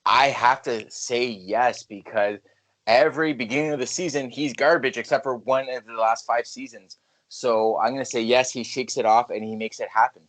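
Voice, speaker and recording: A man co-hosting a podcast, chatting casually about hockey and telling lively stories with plenty of swearing. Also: mid-range voice, moderate pace. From Canada. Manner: lively storyteller, swears freely. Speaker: podcast co-host. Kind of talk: casual sports chat.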